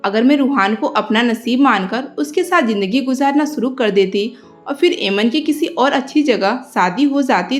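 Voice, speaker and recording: High-voiced woman telling an emotional story. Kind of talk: first-person emotional story narration.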